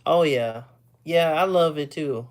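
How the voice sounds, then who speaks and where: A man from Texas chatting casually with viewers. He is short of breath, rambles loosely, often clears his throat, and pauses to catch his breath. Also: on the high side. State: short of breath, stops for air. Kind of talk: casual chat.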